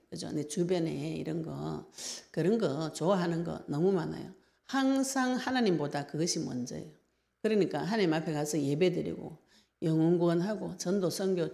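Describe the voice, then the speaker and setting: A woman pastor with a Gyeongsang Korean accent preaching a sermon, telling lively stories and acting out her own past words. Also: low-pitched, vocal fry.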